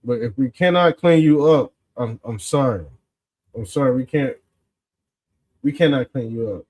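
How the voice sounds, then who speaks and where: Hosting a casual political commentary program, a man speaks in a mid-range voice with a darkish tone. His folksy street-style delivery leans on drawn-out emphasis and a smug, sarcastic air of exposing something.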